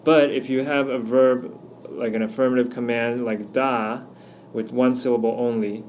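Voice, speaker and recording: A man of middle pitch talks through a slideshow lesson, patient and explanatory. He slows down whenever he works through an example. A faint hiss sits under his voice. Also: steady tone, a little mellow. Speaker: Spanish teacher.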